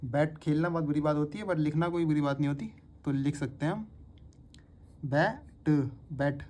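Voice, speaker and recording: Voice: medium pitch, moderate pace, a little mellow. A shorthand teacher giving a patient step-by-step spoken lesson and repeating each word aloud several times. The teacher records the lesson on a phone.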